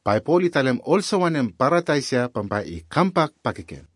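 A man's voice: mid-range voice, sing-song, fairly quick, husky, no room sound, studio quality. A man with a Melanesian Pidgin accent, narrating a scripted Bible lesson as its presenter.

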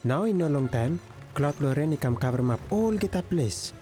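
Male narrator, bible story, melanesian pidgin vanuatu accent, voice a bit high, music going behind him. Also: lively intonation, a little fast, mellow.

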